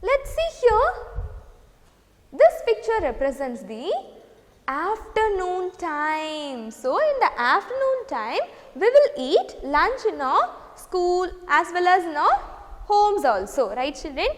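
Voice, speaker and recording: A woman with a South Indian Tamil accent speaks in a very high voice that swings widely in pitch, as if leading a kindergarten class. She stretches words in a sing-song way and keeps checking in with questions. The recording rings with long reverb. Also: sing-song, measured pace. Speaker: kindergarten teacher. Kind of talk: lesson for young children, code-switching. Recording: long hollow reverberant echo.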